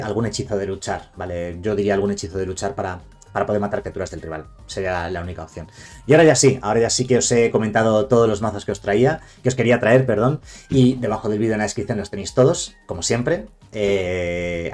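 A man's voice: fairly low pitch, a little mellow. A man with a Spain Spanish accent giving a casual card deck guide, chatty and correcting himself as he speaks straight to his viewers. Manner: fast, chatty, self-correcting, addresses viewers directly. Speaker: card game content creator.

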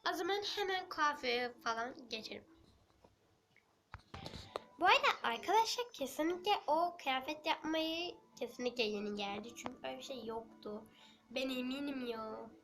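A woman with a sore throat and a nearly gone voice, giving casual let's-play commentary, speaking quietly and often slipping into a half-whisper. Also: sits high, expressive, normal speed, noisy background. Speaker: game channel host.

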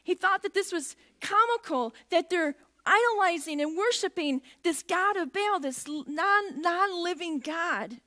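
A woman's voice: very high voice, animated, measured pace, hardly any pauses, bright, forceful tone. A middle-aged woman preaching a sermon in a church, talking conversationally and putting questions to the congregation. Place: church sanctuary.

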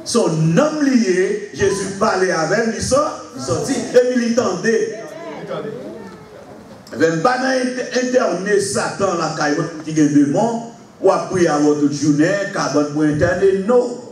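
A pastor preaching a sermon to his congregation, shifting from slow explanation to shouted exclamations and laughter. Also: high voice, animated, crowd noise. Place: large church hall with congregation. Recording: echoey hall, far from mic, congregation noise.

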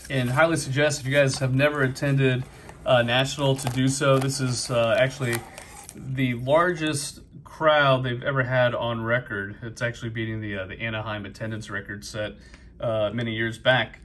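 A middle-aged man with a New England accent talks casually and upbeat, peppering his speech with fillers. His voice sits at an ordinary pitch. A faint murmur of a convention hall sits behind him. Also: steady tone, moderate pace, fairly bright tone, a little hiss or hum. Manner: chatty, many fillers, upbeat. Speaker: card collecting vlogger. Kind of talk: casual pack-opening commentary.

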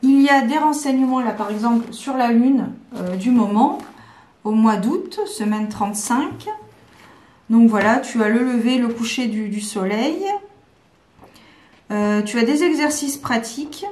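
A woman's voice: on the high side, unhurried, a little mellow. Chatty woman in echoey room. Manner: chatty, hesitant, many fillers and restarts. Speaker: vlogger presenting planners. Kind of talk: casual chat to camera. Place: home room.

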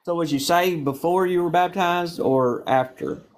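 A man with a Southern accent and a slightly high voice, asking questions in a casual street interview. He probes patiently and explains with everyday examples. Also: measured pace. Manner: probing, patient, uses homely examples.

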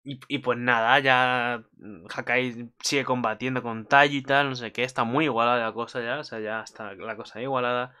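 Bright, crisp man. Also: mid-range voice, fairly even intonation, normal speed. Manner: rambling, swears often, many restarts. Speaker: anime commentator. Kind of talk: casual episode recap.

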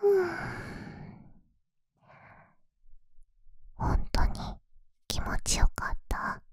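A woman voicing a shy, affectionate young animal-eared girl in a whispered role-play, soft breathy bedtime pillow talk close to the microphone. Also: slow pace, no room sound, natural voice. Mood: gentle, drowsy. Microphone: close, dry microphone.

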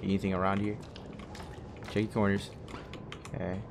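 A man's voice: on the low side, little pitch movement, normal speed, gravelly, background noise. A young man giving casual, nervous gameplay commentary full of slang and swearing. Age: young adult. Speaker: gamer, host of a horror game playthrough. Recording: music behind the voice.

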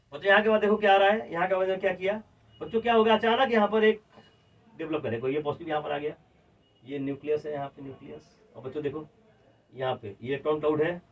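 A high-voiced man with a Bihari accent teaches chemistry with animated emphasis, calling his students children and repeating each step. He sounds set back from the mic, and the recording is dull and lo-fi. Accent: Bihari Hindi. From India. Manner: emphatic, animated explaining, dictating notes word by word. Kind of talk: classroom chemistry lecture. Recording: distant, dull lo-fi classroom audio.

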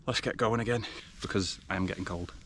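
A young man with an English accent chats informally to his camera in the open air. His voice sits a little low, and faint ambient noise runs behind it. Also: fast. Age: 20s. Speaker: fitness vlogger. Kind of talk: casual vlog chat. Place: outdoors in a forest. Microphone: action camera. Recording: faint outdoor background noise.

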